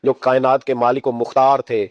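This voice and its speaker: A man's voice: mid-range voice, little pitch movement, no room sound. A man preaching an emotional sermon, exhorting his listeners with rhetorical questions and telling stories as he goes. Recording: dull, dry recording.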